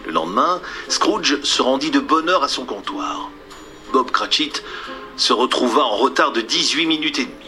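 A male storyteller reads a scripted tale in a soft, hushed manner, often sinking to a near whisper. His pitch moves in a lively way, and music plays clearly behind him. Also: moderate pace.

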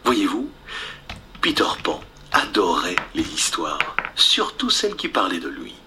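A man narrating a fairy tale in a lively way, addressing the listener directly. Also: deep voice, a little slow, noisy background. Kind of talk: storybook narration.

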